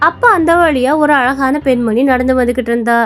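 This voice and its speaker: A woman narrating a cartoon story in a plain, brisk storytelling manner. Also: high-pitched, fairly bright tone, faint music behind.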